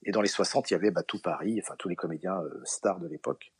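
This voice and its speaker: Man, middle-aged, husky, fairly low voice, relaxed anecdotal storytelling. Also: quick pace. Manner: anecdotal, many fillers, acts out quoted dialogue. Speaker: interview guest, comedian.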